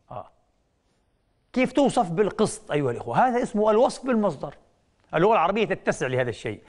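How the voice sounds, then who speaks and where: Fast, high-voiced man giving a lecture. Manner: rhetorical questions to the audience, teacherly, emphatic. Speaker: Islamic scholar and TV lecturer. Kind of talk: religious lecture.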